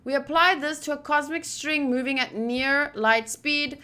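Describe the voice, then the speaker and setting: A gaming video host with a bright, high voice plays through a visual novel, reading its text aloud at an unhurried pace. Her reading is expressive, and she breaks off now and then for wry, informal commentary.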